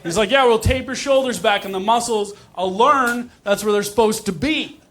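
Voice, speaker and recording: At a moderate pace and in a high voice, a man tells self-deprecating stories to a live comedy audience, acting out dialogue in a casual, conversational manner. The show is noisy, with laughter from the crowd.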